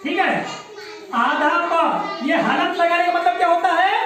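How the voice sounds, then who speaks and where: High-voiced woman teacher in echoey classroom. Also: measured pace, distant mic. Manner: patient, repeats words and quizzes children. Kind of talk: classroom lesson.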